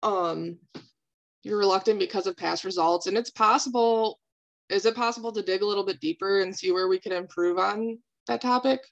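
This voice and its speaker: A woman speaking as a calm therapist in a counseling role-play, validating and asking reflective questions. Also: medium pitch, normal speed, vocal fry, lo-fi sound.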